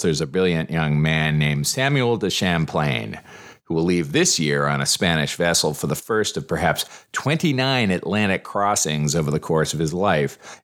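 Very deep-voiced man narrating history. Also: a bit bright. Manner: wry asides to listeners; anglicized, careful pronunciation of Spanish names. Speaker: history podcast host.

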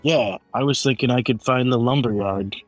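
A man's voice: mid-range voice, normal speed, no room sound, faint music behind. A man playing a tabletop role-playing game, speaking in a matter-of-fact way. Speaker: player. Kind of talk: casual game chat.

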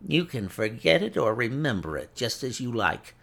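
A man's voice: mid-range voice, very animated, moderate pace, creaky, fairly bright tone, heavily acted. A man voicing a gloating, cruel villain in an audiobook story, taunting with smug mock politeness. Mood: cold contempt.

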